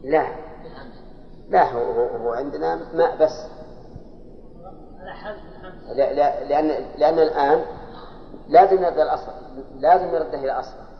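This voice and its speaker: A man's voice: a little high, a little fast, creaky, long pauses. A man teaching a grammar class, explaining step by step and quizzing his students. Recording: echoey hall, dull lo-fi sound, faint hiss.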